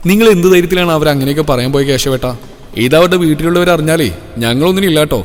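A man's voice: on the high side, very fast, pitched above the performer's own voice, lightly acted. A man doing a wary village bystander. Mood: uneasy. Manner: uneasy, warning. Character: nervous middle-aged village man. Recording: reverberant audio with soft music.

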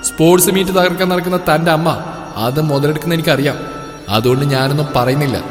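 A man's voice: on the high side, brisk, lightly acted. A man voicing a fierce, stubborn young woman who talks in a threatening, defiant way in a storybook reading. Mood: angry threatening. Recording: echoey room with reverb, faint music.

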